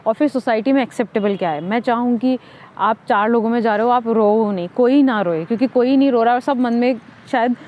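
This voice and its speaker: A woman from India, talking reflectively as a podcast co-host, pausing often on "uh" and mixing in English words. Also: fairly high pitch. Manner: reflective, many "अ" fillers, mixes English words. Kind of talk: conversational podcast talk. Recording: slightly dull lo-fi audio.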